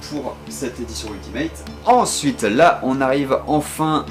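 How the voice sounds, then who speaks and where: French man, halting collector chat. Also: medium pitch, faint music behind. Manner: hesitant, many fillers and restarts. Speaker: game collector showing his purchases. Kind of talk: casual video commentary.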